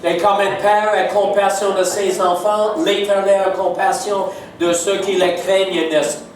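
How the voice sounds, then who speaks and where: Recorded at a distance in an echoing church hall with crowd noise around him, a guest preacher delivers a French sermon from the sanctuary. He is an older man with an English Canadian accent whose native language is English. His high voice is flat and a little slow, yet he stays warm and emphatic, often asking "n'est-ce pas?" to draw his listeners in.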